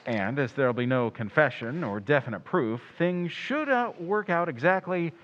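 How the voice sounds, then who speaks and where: A man's voice: a little high, lively intonation, moderate pace, fairly bright tone, dull audio, a little hiss or hum. A man playing a confident, probing crime photographer sleuth in an old-time radio drama. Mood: probing, accusing.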